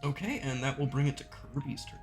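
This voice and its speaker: A man's voice: medium pitch, expressive, a little fast. A man acting as game master, talking casually and slangily, joking as he explains rules and narrates play. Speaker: game master of a tabletop role-playing game. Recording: music playing behind the voice. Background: music.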